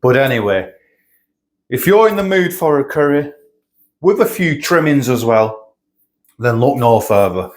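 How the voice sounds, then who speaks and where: In his home kitchen, a man reviews supermarket food for a casual vlog, sniffly as a cold comes on. His medium, darkish voice is sing-song and unhurried with frequent pauses, and he chats, rambles, and repeats himself.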